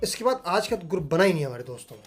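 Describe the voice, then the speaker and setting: A man's voice: high voice, big pitch swings, rapid-fire, faint music behind. Exasperated, cursing man reacting. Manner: exasperated, profane, chatty. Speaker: reaction video host. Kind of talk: casual reaction commentary.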